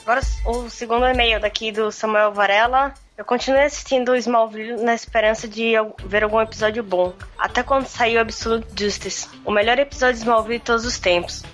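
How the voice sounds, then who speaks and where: A woman's voice: a little high, steady tone, brisk, few pauses, fairly bright tone. A woman co-hosting a podcast, reading a listener's email aloud. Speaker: podcast co-host. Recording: faint music behind. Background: music.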